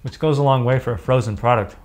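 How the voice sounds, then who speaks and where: A man casually reviewing and tasting food on camera, chatty and relaxed, sometimes talking with his mouth full. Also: medium pitch, fast. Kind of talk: casual food taste-test vlog.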